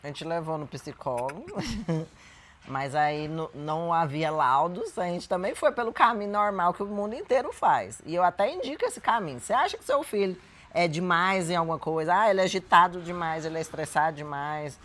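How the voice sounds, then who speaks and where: Speaking at a normal pace, a Brazilian woman co-hosts with a fairly low voice and a Brazilian Portuguese accent. She explains things earnestly, giving reflective advice. Her intonation is very lively, rising and falling through every sentence.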